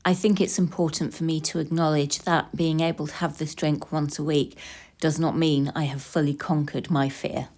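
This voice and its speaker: A woman's voice: deep voice, level tone, moderate pace, a little mellow. A British woman talking candidly and reflectively in a casual eat-with-me vlog, chatting over a drink. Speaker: vlogger sharing eating disorder recovery support.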